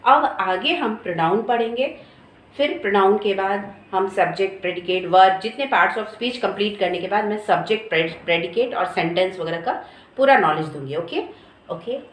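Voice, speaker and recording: A woman teacher giving a lecture, explaining slowly with questions and repeated examples. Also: mid-range voice, roomy sound, poor audio. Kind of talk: classroom lecture.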